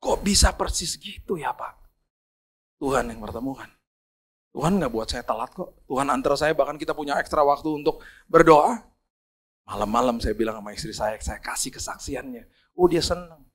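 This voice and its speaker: A male pastor telling a humorous anecdote in a sermon, in an animated way. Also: medium pitch, fairly quick, breathy edge. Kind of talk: sermon storytelling.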